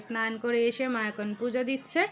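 A young woman, talking fast and chatty in a casual home vlog, teasing her family along the way. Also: a little high, steady tone. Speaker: vlogger. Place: family home kitchen and garden.

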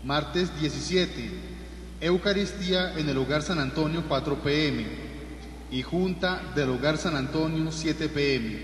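Colombian priest in cathedral echo. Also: male voice, fairly high pitch, unhurried, slight background noise. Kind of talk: liturgical prayer and parish announcements read from the lectern. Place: large church, indoors. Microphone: lectern microphone. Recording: echoey church with long cathedral reverb.

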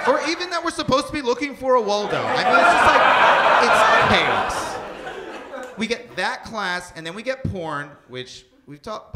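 A young man performs stand-up with a high, swinging voice that climbs and drops as he acts out the people in his stories. The room is noisy around him. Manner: animated, acts out quoted voices, laughs mid-line. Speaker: stand-up comedian. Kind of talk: stand-up comedy set. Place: barbershop before a live audience.

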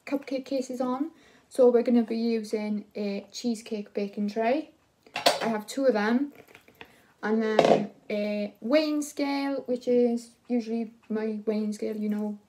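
A young woman in her twenties talking casually through a baking tutorial in a home kitchen, halting often with fillers and self-corrections. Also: fairly high pitch, darkish tone, a little hiss or hum, poor audio. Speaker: vlogger. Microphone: phone camera at a distance.

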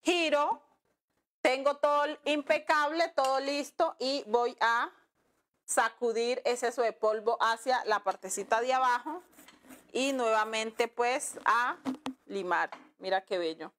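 Nail teacher lady on a livestream, high voice, super chatty, reads comments and calls everyone love. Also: slow pace, fairly bright tone. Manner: chatty, calls viewers "mi amor" and "amiga". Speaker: nail art instructor. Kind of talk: live-streamed tutorial, reading viewer comments.

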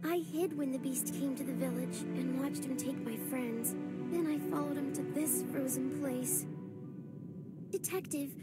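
A woman's voice: high-pitched, unhurried, loud music behind the voice. A woman voicing an earnest young village girl in a fantasy video game, speaking in careful storytelling fashion. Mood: earnest, worried.

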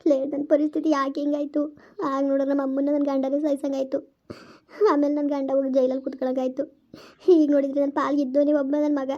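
Brief: woman voicing distraught young mother, pleading and tearful, quick delivery. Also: high-pitched, completely flat delivery, dark tone, natural voice. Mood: despairing. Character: distraught young mother searching for her son. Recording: dull lo-fi sound.

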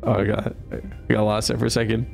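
A man streaming a horror game live, reacting excitedly and laughing often. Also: on the low side, fast, vocal fry, soft background music. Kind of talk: live gaming commentary.

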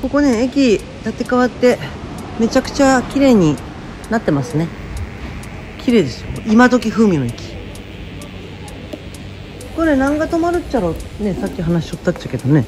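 A woman's voice: a little high, normal speed, long pauses, music in the background. A woman with a chatting and teasing her companion on a casual walking vlog. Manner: chatty, teasing, lively dialect banter. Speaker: travel vlogger.

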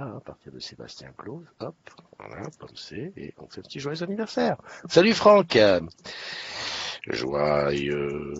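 A chatty man hosts a morning live stream, upbeat and friendly as he greets viewers by name. His voice sits fairly low with a husky edge, and the stream audio sounds dull and lo-fi. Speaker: livestream host. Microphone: webcam setup.

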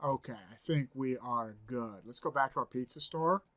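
A man's voice: mid-range voice, normal speed, fairly bright tone. A man in his forties giving a screen-recorded coding tutorial from a home office, thinking aloud as he types, upbeat and chatty. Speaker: programming instructor.

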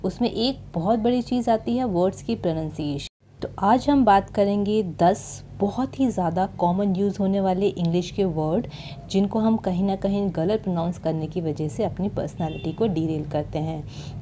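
A woman with an Indian accent hosting her channel and teaching English pronunciation, pronouncing each word clearly and carefully. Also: fairly low pitch, dark tone, slight background noise. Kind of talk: slow, deliberate pronunciation lesson. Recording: music playing behind.

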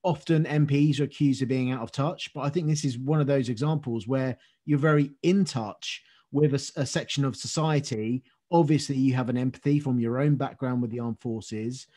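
A man's voice: mid-range voice, darkish tone. A man hosting an interview, asking earnest, rambling questions with frequent restarts and ums. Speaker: interview host.

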